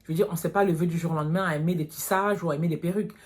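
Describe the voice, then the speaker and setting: A woman's voice: on the low side, fairly even intonation, rapid-fire. Frank woman vlogger talking straight. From France. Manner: frank and direct, addressing viewers as girls. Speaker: natural hair vlogger. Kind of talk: casual vlog talk to viewers.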